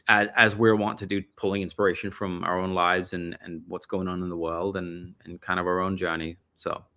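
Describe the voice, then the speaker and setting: A man's voice: low voice, flat delivery, normal speed, sharp tone. A middle-aged man from Denmark, a musician guest chatting casually in an interview, rambling and correcting himself as he goes. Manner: rambling, self-correcting storyteller.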